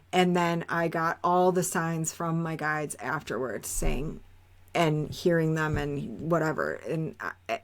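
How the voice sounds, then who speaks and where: A woman hosting a podcast, talking candidly and bluntly in a casual spiritual monologue, swearing freely and rambling with fillers and restarts. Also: fairly low pitch. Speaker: podcast host.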